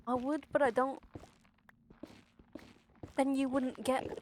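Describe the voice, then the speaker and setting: While gaming on stream, this young British woman rambles, swears and exclaims in casual chat, with a lisp that slushes her s's. She speaks slowly in a high, level voice, with a little hiss or hum in the audio.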